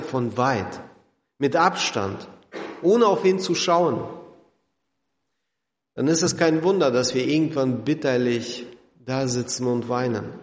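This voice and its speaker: A man preaching a sermon, addressing listeners directly and dropping to quiet, intense tones for emphasis. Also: fairly high pitch. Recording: echoey hall with long reverb.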